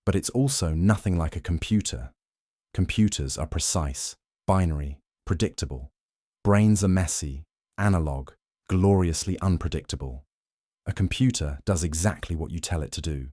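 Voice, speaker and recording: Really low mellow guy doing sleepy bedtime narration, gentle and soothing, super dry close sound. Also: dry recording. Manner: gentle, soothing, unhurried delivery. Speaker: narrator of a sleep science channel. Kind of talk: scripted bedtime relaxation narration.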